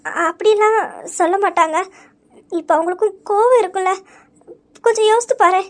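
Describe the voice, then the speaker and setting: A woman voicing a young woman in an audio story who comforts a crying friend, gently but firmly pointing out her mistakes. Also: extremely high pitch, moderate pace. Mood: consoling. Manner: gentle but firm, reasoning and reproaching.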